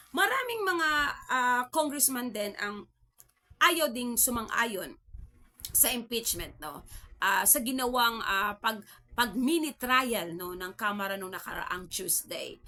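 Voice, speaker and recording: A woman's voice: on the high side, animated, unhurried, pushed and bright. A woman from the Philippines giving casual political commentary on her vlog, chatty, with constant tag questions and mocking laughs. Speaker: vlog host.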